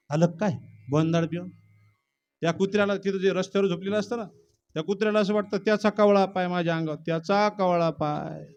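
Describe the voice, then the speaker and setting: A male preacher telling a devotional story in a dramatic way, swinging between low murmurs and loud cries and breaking into song. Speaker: kirtan preacher.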